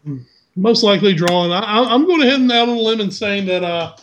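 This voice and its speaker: A man's voice: high-pitched, expressive, fast, fairly bright tone. A man with a mild Southern US accent co-hosting a sports podcast in casual chat, teasing his partner with dry humor. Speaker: podcast co-host.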